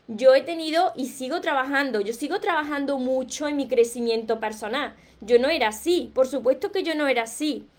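Hosting a live stream, a woman with a Peninsular Spanish accent reads viewer comments aloud and answers them with earnest encouragement, often clearing her throat. A self-help speaker, she gives a live Q&A and motivational talk. Her voice sits high and she speaks fairly quickly, with few pauses.

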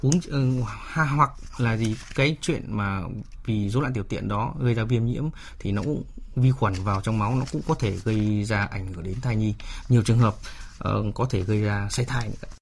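A man's voice: on the low side, normal speed, few pauses, a little hiss or hum. A man speaking as a doctor, explaining a medical problem spontaneously with emphatic rhetorical questions. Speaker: doctor, expert commentator.

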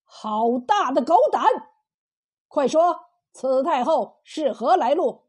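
A woman voicing a stern, wise male emperor who speaks with measured authority. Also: a little high, lively intonation, warm tone, husky, full character voice. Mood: angry.

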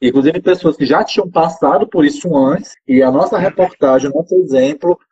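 Husky-voiced emphatic man. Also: fairly high pitch, fairly quick, darkish tone. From Brazil. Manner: emphatic, repetitive phrasing. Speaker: podcast guest. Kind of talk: casual storytelling. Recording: dull lo-fi sound.

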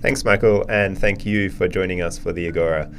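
A man's voice: deep voice, steady tone, fairly quick, a bit bright, faint music behind. A man hosting a podcast interview, encouraging his guest with frequent mm-hmms and ums. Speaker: podcast host.

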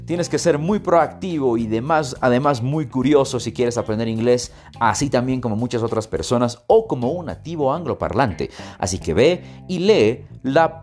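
A man hosting a podcast lesson on English intonation, switching between Spanish and English and acting out lines dramatically to demonstrate. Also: medium pitch. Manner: expressive, demonstrates intonation with sung and dramatic readings. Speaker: English teacher and podcast host.

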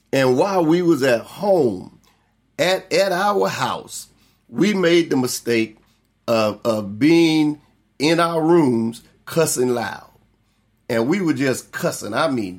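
Middle-aged pastor, man, teaching a Bible study through homespun stories, voices the people he quotes. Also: medium pitch. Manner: folksy storytelling, acts out quoted relatives.

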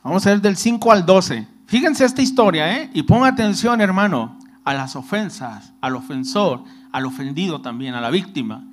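A man's voice: high-pitched, expressive, moderate pace, a little hiss or hum. A man preaching a sermon who calls his listeners brother, asks them rhetorical questions, and retells scripture readings in everyday words.

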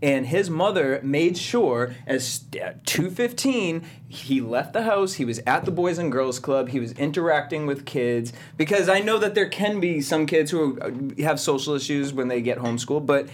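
Guy from massachusetts cohosting a chatty panel show, acts out what people said, a bit higher voice. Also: moderate pace, few pauses. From Massachusetts, USA. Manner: animated storyteller, acts out quotes. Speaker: co-host. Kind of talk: casual panel chat. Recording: faint background noise.

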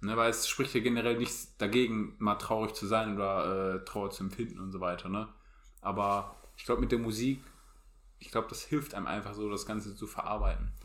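A young man co-hosting a casual podcast chat, relaxed with dry humor. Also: fairly low pitch, fairly quick. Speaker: podcast co-host. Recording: echoey room.

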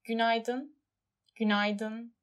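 A woman voicing a mountain echo that slowly repeats the prince's words, each one softer. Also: a little high, little pitch movement. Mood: hollow. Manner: slow, repeating, fading away.

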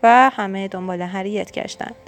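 A woman reading a children's storybook aloud in a calm narrating voice. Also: mid-range voice, vocal fry, faint music behind.

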